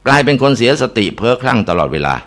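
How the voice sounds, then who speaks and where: A man's voice: mid-range voice, sing-song, fast talker, fairly bright tone. A man narrating a ghost story in a dramatic way, with occasional filler sounds.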